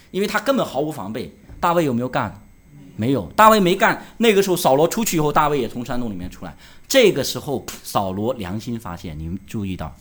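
A man preaching a sermon, asking the congregation rhetorical questions and answering them himself, rising to loud emphasis and dropping low. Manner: swings between loud emphasis and quiet drops. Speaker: pastor.

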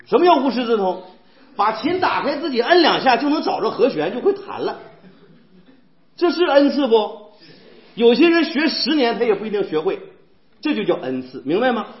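A man preaching a sermon in a church, animated and firing rhetorical questions at the congregation. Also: very high-pitched, normal speed. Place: church hall. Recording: echoey, dull church hall recording.

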